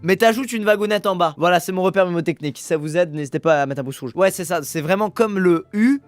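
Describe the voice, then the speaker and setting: Excitable, fast-talking young man playing a game. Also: high voice, no room sound, soft background music. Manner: excitable, crude joking, frequent swearing. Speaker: gaming video host. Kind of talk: gaming commentary.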